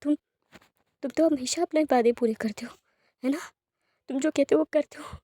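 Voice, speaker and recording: A woman's voice: high voice, normal speed, mellow, dry recording, lightly acted. A woman voicing a grieving young man who pleads and sobs through broken repetitions. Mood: anguished pleading. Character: grieving young man crying for his partner.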